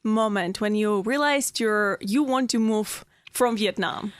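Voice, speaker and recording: A woman host who moved to this country from abroad, warmly asking a guest about her life in a casual interview. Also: mid-range voice, unhurried, clean tone, dry recording, clean studio sound.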